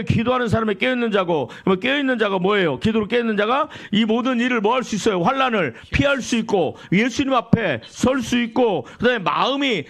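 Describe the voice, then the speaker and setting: A man's voice: high voice, gravelly, a bit bright. A middle-aged male pastor preaching a sermon in a church, asking the congregation questions and answering them himself, and quoting scripture. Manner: quotes scripture and acts out complaining believers. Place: church sanctuary.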